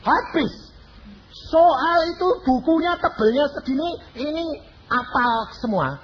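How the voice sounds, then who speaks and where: An older male preacher, speaking in a high voice that swings widely as he tells his story. He acts out the dialogue with animated shifts of tone. The recording sounds slightly dull, with faint ambience behind him. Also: a little slow, slight background noise. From Indonesia. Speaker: evangelist preacher. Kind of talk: sermon with personal storytelling.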